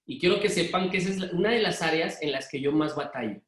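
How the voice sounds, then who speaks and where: A middle-aged man from Mexico City with a Monterrey-influenced Mexican accent, giving a parenting workshop talk to a live audience in a hurried, direct way. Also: fairly high pitch, fairly bright tone, echoey room. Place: room with an audience.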